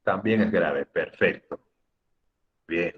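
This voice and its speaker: A man's voice: sits low, slow. A man teaching an online class, patiently coaxing students by name and drawing out words to stress their syllables, over a video call. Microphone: computer mic on a video call. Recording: muffled lo-fi video call audio.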